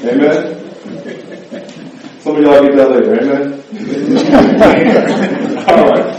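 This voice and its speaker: In an echoey church hall, recorded from a distant mic with slight background noise, a man preaches slowly in a medium-pitched, dark voice with the highs cut off. He jokes with the congregation and keeps calling for responses like "amen?" and "right?"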